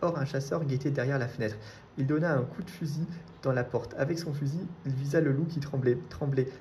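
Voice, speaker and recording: A man reading children's storybooks aloud in a steady storytelling way. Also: mid-range voice, fairly quick, slight background noise. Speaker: reader.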